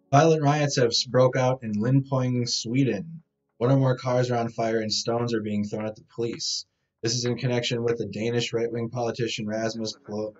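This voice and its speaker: A man hosting a casual news rundown from a hotel room through a laptop mic that makes him sound tinny, stumbling over words as he reads headlines. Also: mid-range voice. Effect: tinny, tin-can sounding laptop mic. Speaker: live-stream news host. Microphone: laptop microphone.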